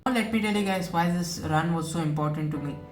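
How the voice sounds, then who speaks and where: This fast-talking nineteen-year-old vlogger has a high-leaning voice and an Indian English accent. Earnest, he retells his own experience and goes over points more than once, recorded from a distance with music underneath.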